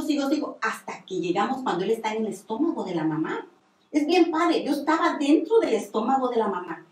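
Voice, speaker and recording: A woman giving a religious testimony on the radio, telling her story earnestly with many repetitions. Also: on the high side. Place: radio studio. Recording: echoey room, distant mic.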